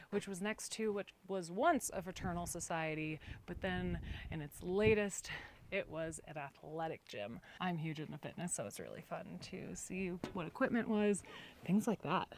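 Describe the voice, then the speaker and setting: A woman's voice: on the low side, slight background noise. A woman giving a chatty, enthusiastic vlog tour, telling stories to viewers like a guide. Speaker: travel vlogger and former tour guide. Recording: background music under the voice. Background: music.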